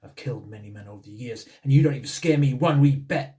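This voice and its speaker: A man voicing a tough Scottish gangster with a gruff, swaggering manner and a Scottish accent. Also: mid-range voice, fast talker, warm tone, lightly acted. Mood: threatening. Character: hard Scottish gangster man, blustering, threatening.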